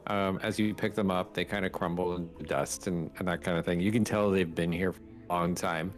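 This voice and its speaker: A young man running a tabletop game as game master, narrating in a relaxed, halting way with many pauses and fillers. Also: deep voice, soft background music.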